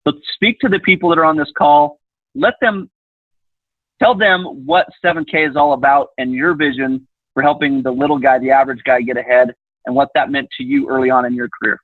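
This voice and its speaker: A man's voice: medium pitch, steady tone, a little fast, dry recording. A man hosting a company group call, earnest and stammering, repeating his words as he speaks. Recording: tinny dry phone line.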